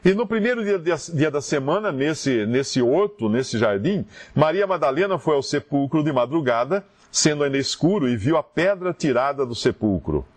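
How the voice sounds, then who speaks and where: Homem expressivo com sotaque brasileiro. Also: male voice, a little high, moderate pace, few pauses. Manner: expressive, reads scripture aloud with feeling. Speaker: Bible teacher. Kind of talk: Bible teaching talk.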